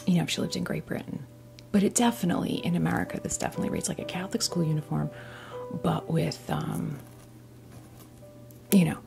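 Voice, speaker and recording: In an ASMR doll unboxing, a woman chats softly and casually to the camera, taking her time as she gushes over tiny details. She has a mid-range, creaky voice.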